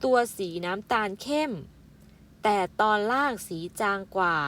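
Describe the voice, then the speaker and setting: A primary school teacher, a woman, reading out vocabulary syllable by syllable for young pupils, with gentle polite fillers and a motherly way of addressing them. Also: mid-range voice. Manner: spells out words syllable by syllable and adds polite "na kha" fillers. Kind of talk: slow, careful vocabulary lesson for young children.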